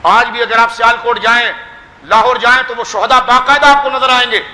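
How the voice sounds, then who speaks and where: A man's voice: extremely high pitch, steady tone, bright, forceful tone, big-room sound. A man with a Pakistani Urdu accent giving a fervent religious sermon to a gathering, exhorting his listeners and calling them his children. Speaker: pir giving a religious speech.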